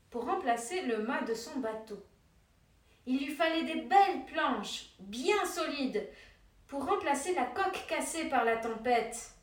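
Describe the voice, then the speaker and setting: A woman reading a children's fairy tale aloud in a gentle, unhurried way. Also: high-pitched, far from the mic. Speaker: storyteller. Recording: echoey room, voice off-mic.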